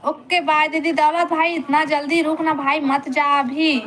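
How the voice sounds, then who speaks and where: Slow, high-voiced woman chatting on a live stream. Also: flat delivery, noisy background. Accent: Chhattisgarhi. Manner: chatty, greets viewers by name and begs them to stay. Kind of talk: casual live-stream chat reading comments.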